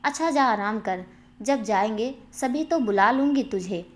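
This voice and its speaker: A woman's voice: on the high side, measured pace. A woman voicing Nisha, a kindly elder sister. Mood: caring. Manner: soothing, fond scolding. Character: caring elder sister busy in the kitchen. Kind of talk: storybook character reading.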